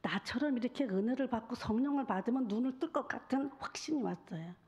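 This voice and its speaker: A woman evangelist giving a sermon testimony, telling her story in an intimate, often hushed way. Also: on the high side, expressive, quick pace.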